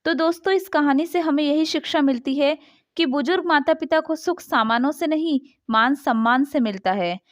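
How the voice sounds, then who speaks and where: A woman narrating a moral family story in Hindi in a gentle, expressive way, as the channel's storyteller. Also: high voice, moderate pace, dry recording. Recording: dull dry lo-fi sound.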